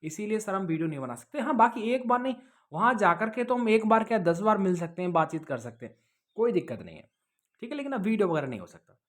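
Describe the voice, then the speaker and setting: A man talks conversationally, explaining things as he answers viewers' questions about police jobs in a casual Q&A to camera. He advises, often checking with "okay?" and "understood?", in a high, very animated voice at a quick pace.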